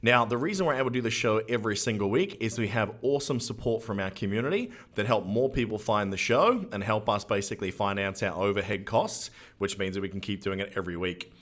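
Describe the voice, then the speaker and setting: Bright-voiced man hosting a podcast. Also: on the low side, quick pace, hardly any pauses. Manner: upbeat, joking, plugs the show. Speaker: podcast host. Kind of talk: casual podcast chat.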